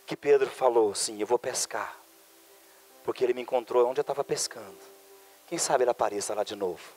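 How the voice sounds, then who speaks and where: High-voiced pastor preaching. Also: male voice. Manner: swings from quiet storytelling to loud, high-pitched preaching. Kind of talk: sermon. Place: church conference hall.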